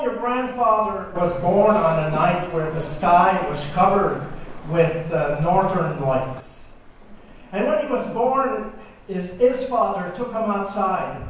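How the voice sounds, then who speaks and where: A man's voice: sits high, far from the mic, slight background noise. Man telling a story in an echoey hall. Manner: slow, dramatic, with hushed pauses. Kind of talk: oral storytelling to a live audience. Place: large hall with an audience.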